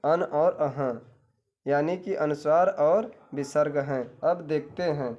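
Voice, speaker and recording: A man's voice: on the high side, takes it slowly, a little mellow, muffled recording. A man teaching an exam-prep grammar lesson, asking questions and answering them himself, and telling viewers to take notes.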